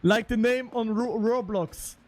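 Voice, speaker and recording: An excitable young man in his 20s from Luxembourg streams Roblox with a high voice. He engages in playful, casual voice-chat banter, repeating words in quick bursts.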